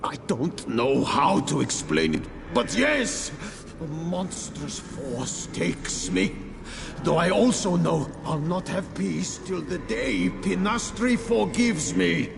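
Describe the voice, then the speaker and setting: A man voicing a tormented, remorseful ghost of a squire in a video game, pleading and halting with a gravelly voice. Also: high voice, lively intonation, full character voice. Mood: anguished. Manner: anguished, halting, pleading delivery. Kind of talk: dramatic video game voice acting. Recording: long ghostly reverb, noisy ambience.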